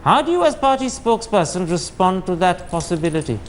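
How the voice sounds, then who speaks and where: High-voiced Indian man anchoring a debate. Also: sing-song, slight background noise. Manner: pressing, brisk questioning. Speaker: news anchor. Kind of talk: television debate moderation.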